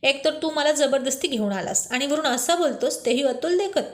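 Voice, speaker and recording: A cross young woman who sulks and brushes off her partner. A woman narrator voices her in her own high register. Her replies come clipped and curt, like a storybook read aloud. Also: lively intonation, normal speed, roomy sound. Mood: irritated. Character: sulky, irritated young woman. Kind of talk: storybook reading.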